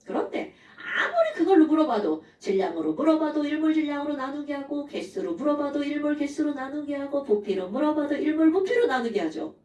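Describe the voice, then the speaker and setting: Lively high-voiced woman teaching chemistry. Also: brisk, hardly any pauses. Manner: animated, playful, asks students rhetorical questions. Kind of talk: lively classroom lecture. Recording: echoey room, voice a bit far from mic.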